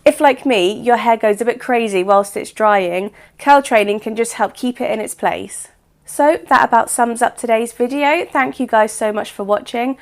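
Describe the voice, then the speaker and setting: A woman talks to her viewers with a slightly raised pitch and a croaky edge to her voice. She explains things in a chatty, instructive way, like a friendly hair-care vlogger. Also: moderate pace. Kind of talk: explanatory beauty vlog talk.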